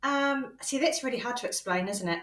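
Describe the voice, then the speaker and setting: A British woman co-hosts a podcast, talking casually about spiritual experiences in a slightly high, fairly bright voice. She laughs easily and halts often with lots of ums. The room sounds echoey and boxy.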